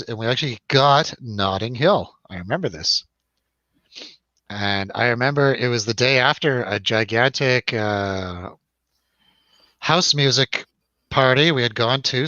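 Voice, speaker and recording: Over drinks, another man hosting a film review show chats loosely about films, spinning animated stories and cursing without restraint. His medium-pitched voice is bright and forceful and unhurried, captured in lo-fi sound with no echo.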